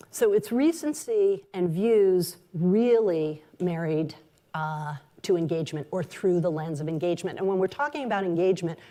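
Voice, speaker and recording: A woman marketing executive giving a conference talk, measured and sprinkled with ums and uhs. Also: fairly low pitch, warm tone.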